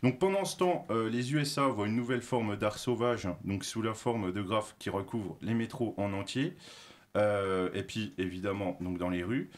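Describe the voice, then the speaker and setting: Presenting a talk show segment at a moderate pace, a man with a lowish voice explains from his notes. He leans heavily on filler sounds and self-corrections, adding light self-deprecating remarks.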